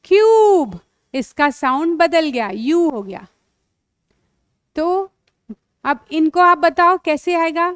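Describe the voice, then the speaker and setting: A woman's voice: extremely high pitch, expressive, slow, pauses often, no room sound, clean studio sound. A woman with an Indian accent teaching phonics to young children, sounding out words letter by letter and calling the listeners "beta".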